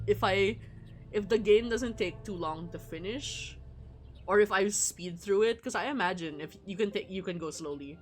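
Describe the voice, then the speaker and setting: Her voice is mid-range and a bit bright as she streams a visual novel live, music playing underneath. The woman reads the game's text aloud and fills the gaps with casual, wry, rambling chat.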